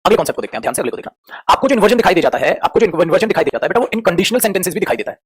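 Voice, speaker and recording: Male grammar teacher, quick patter, husky tone, fond coaxing classroom style. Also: sits high, very animated. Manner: affectionate, coaxing, addresses students as children. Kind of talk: online classroom lesson.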